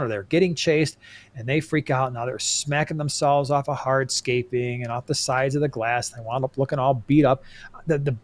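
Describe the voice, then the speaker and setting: A man co-hosting a relaxed podcast chat. He talks in a lively, animated way and sometimes jumps into joking voices. His pitch sits in an ordinary middle range for a man. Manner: animated, laughs and acts out quips. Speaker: podcast co-host.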